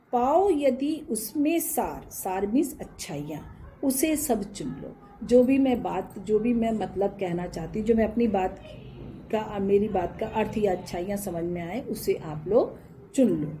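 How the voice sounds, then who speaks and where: A woman teacher who reads poem lines slowly, then explains them in plain with glosses. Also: medium pitch, mellow, slight background noise.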